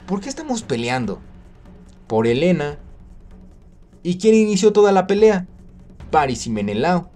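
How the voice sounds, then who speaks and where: A man's voice: high voice, big pitch swings, measured pace, long pauses, mellow, faint music behind, voice pushed up. A man doing weary practical ancient soldiers. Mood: reasoning. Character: group of weary ancient male warriors, practical.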